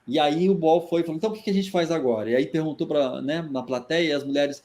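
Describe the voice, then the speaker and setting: A Brazilian Portuguese-accented man teaching philosophy, racing through an anecdote at a brisk clip. His voice sits somewhat high for a man, and he lives out each exchange, slipping into the quoted speakers and checking in with a constant "né?". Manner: animated, acts out quoted dialogue, frequent "né?". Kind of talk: storytelling lecture.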